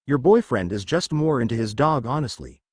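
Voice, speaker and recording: A man's voice: medium pitch, lively intonation, moderate pace, husky, no room sound. Brief: blunt, protective teen ninja, dry delivery, close dry sound, voiced by a man. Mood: earnest. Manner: dry and frank.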